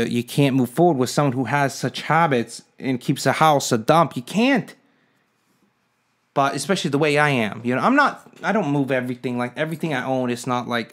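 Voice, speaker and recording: A man talking casually to camera in a rambling, indignant monologue, cracking jokey asides and asking his viewers what they think. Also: mid-range voice. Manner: indignant, rhetorical, asks the viewers for their opinion. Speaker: vlogger.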